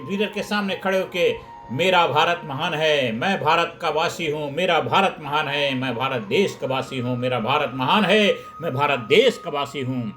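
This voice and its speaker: A man's voice: a little high, a bit bright. A man giving a rousing motivational speech, repeating slogans in a chanting rhythm. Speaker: motivational speaker. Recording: faint background music.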